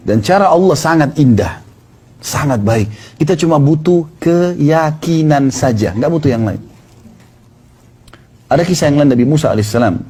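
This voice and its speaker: Fast-talking husky preacher man. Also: on the high side, warm tone. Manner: narrates tales with quoted dialogue. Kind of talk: storytelling sermon.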